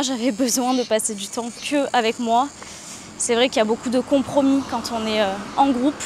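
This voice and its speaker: A woman's voice: fairly high pitch, slight background noise. A French woman in her twenties, vlogging while walking outdoors and talking candidly and reflectively, with many hesitations. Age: 20s. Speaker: travel vlogger. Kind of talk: casual confiding vlog.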